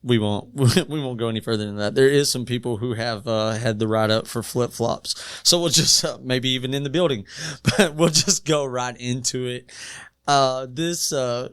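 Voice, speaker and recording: A man with a Southern US country accent hosting a casual podcast interview, jokey and quick to laugh. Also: medium pitch, a bit bright, clean tone, no echo, clean studio sound. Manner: jokey, laughs easily, loose and friendly. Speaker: podcast host.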